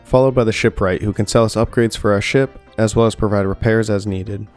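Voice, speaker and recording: Low-voiced man narrating a game review. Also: a little fast. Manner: steady, dry, with light jokes. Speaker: gaming YouTuber. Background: soft background music.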